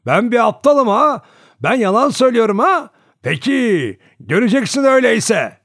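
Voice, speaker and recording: A man voicing a bitter, spiteful old coachman who shouts in a shrill, raised voice. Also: animated, brisk, dry recording, clean studio sound. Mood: furious.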